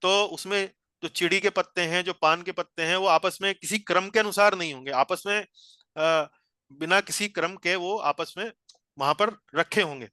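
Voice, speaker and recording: A man's voice: high-pitched, moderate pace, pushed and bright, no room sound. A man teaching a scripture study class over a video call, explaining each point patiently and repeating phrases as he guides a reader.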